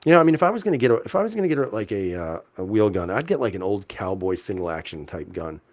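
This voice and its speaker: Hosting a casual livestream, a man with a lowish voice reads out chat comments and replies in a relaxed, chuckling style, with lots of fillers and restarts. He talks fast and is very animated.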